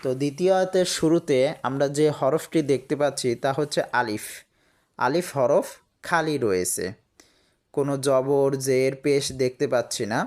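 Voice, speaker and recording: A man's voice: on the high side, darkish tone. A man teaching Quran recitation, spelling out each letter and vowel and repeating every word several times. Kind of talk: slow spelled-out recitation lesson.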